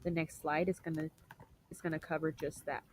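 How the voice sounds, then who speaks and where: Young woman doing a class slideshow talk, lowish voice, keeps clearing her throat, bit of faint hiss behind. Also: flat delivery, fairly quick, darkish tone, rough recording. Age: young adult. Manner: explanatory, repeats and rephrases, frequent throat clearing. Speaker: student presenter. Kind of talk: recorded class presentation.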